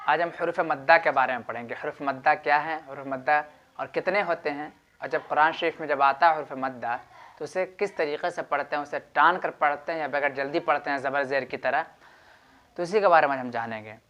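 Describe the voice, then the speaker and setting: A man's voice: on the high side, fairly quick, a bit bright. A man teaching Quran recitation, explaining step by step, repeating each rule and drawing out example syllables. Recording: slightly muffled lo-fi recording.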